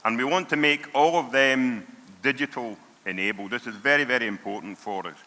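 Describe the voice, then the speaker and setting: Forceful Scottish man presenting in a reverberant hall. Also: medium pitch, a little fast. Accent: broad Scottish. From Scotland. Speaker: conference speaker, payments product lead. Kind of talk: conference presentation to an audience. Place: on stage in a large hall. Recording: reverberant large hall sound.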